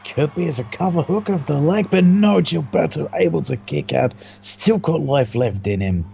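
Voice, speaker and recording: A man co-commentating on wrestling with live play-by-play in a gravelly voice. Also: fairly high pitch, animated, moderate pace, dark tone, lo-fi sound, slight background noise.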